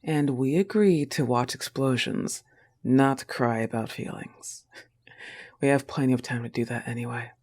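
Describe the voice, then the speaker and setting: A man's voice: mid-range voice, darkish tone, close to an everyday voice. A man voicing a protective, teasing goth wolf-girl girlfriend in an audio role-play, speaking fondly to the listener. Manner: teasing, fond, quick asides with laughs.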